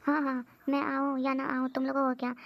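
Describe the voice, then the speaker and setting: A woman's voice: high voice, monotone, brisk, dull audio. A woman voicing a bossy, hot-tempered cartoon sister. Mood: grumbling, scolding. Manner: scolding, complaining. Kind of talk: cartoon voice acting.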